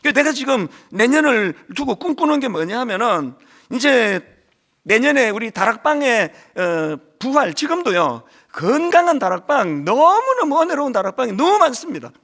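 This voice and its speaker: A middle-aged man preaches with a high, lively voice that leaps up and down as he tells stories and acts out what people said. His tone is bright and forward, and a lingering cold sits in his voice. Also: normal speed. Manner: animated storytelling with acted quotes. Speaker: pastor. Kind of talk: sermon.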